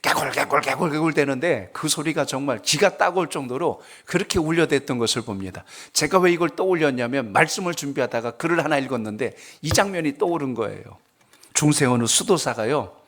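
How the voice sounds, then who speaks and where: At a prayer service, a male pastor preaches in a slightly high, expressive voice at a fairly quick pace. He tells stories conversationally and poses questions to the congregation.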